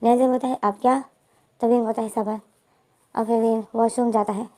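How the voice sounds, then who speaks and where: A woman's voice: a little high, flat delivery, racing, dark tone. A woman retelling a fan fiction story as its narrator, in simple narration that repeats itself.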